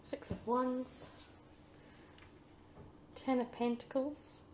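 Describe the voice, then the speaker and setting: Psychic woman doing a tarot reading, slow and mellow, husky from losing her voice, hesitant, in a roomy space. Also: sits high, level tone, a little hiss or hum. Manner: hesitant, many ums and "I feel like" asides. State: losing her voice, throat trouble. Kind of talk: pick-a-card tarot reading to camera.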